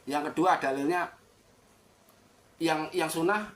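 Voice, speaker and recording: A woman taking part in a religious discussion, explaining her view quickly and eagerly. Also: sits low, fairly even intonation, reverberant, a little hiss or hum. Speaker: discussion participant.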